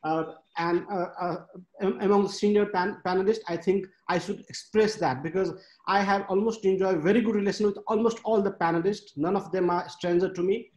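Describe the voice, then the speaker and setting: High-voiced man speaking frankly on a video call. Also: fairly even intonation, brisk, a little mellow, lo-fi sound. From Nepal. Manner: frank, emphatic, counts off points. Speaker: panelist. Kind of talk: webinar panel talk. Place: home study with bookshelves. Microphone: laptop webcam on a video call. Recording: echoey room on a video call.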